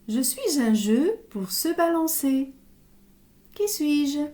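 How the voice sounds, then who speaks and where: A woman leads a reading lesson for young children, sounding out each letter and syllable with deliberate care. Her voice sits a little high but has a mellow, soft tone. She speaks very slowly, leaving room for the class to answer. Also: very animated. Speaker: primary school teacher.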